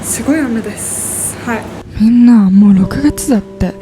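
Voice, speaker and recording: A woman's voice: fairly high pitch, normal speed, background noise. A woman in her twenties chatting casually in a vlog voice-over, upbeat and gushing about things she loves. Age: 20s. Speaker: vlogger. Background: background music.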